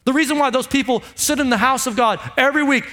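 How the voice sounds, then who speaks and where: A male preacher with a very high-pitched voice and a bright, forceful edge. He delivers a booming motivational sermon, hammering short repeated phrases and firing rhetorical questions at his listeners. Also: quick pace.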